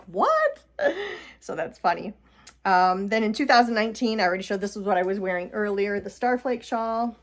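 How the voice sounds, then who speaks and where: A woman hosting a knitting vlog, chatting casually about her shawls with frequent laughs and fillers. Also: mid-range voice. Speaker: knitting podcast host. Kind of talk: casual chat showing knitted projects. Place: home.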